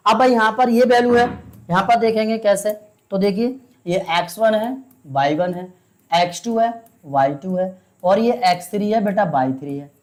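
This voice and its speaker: A woman walks her students through a maths problem one step at a time. Her voice sits at a middle pitch. She talks patiently, stops often to quiz the class and calls them "beta" again and again. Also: normal speed, darkish tone. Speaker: maths teacher.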